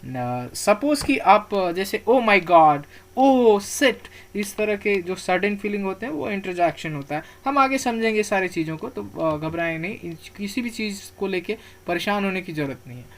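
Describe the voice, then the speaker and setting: A man's voice: high voice, lively intonation, a bit bright. Hindi-speaking man teaching grammar. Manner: repeats key terms slowly to drill pronunciation; asks questions and answers them himself. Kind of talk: explaining grammar terms on slides.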